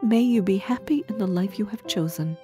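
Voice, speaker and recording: A woman voicing a gentle childlike ghost, speaking softly and in a hush. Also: mid-range voice, fairly quick, soft background music, natural voice. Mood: sad. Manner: soft, hushed.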